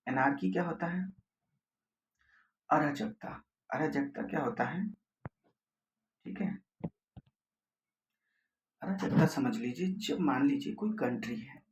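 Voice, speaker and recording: Man slowly teaching vocabulary, roomy echo. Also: mid-range voice. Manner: explains in Hindi, reads English definitions slowly and deliberately. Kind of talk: vocabulary lesson for exam prep. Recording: roomy echo, faint background noise.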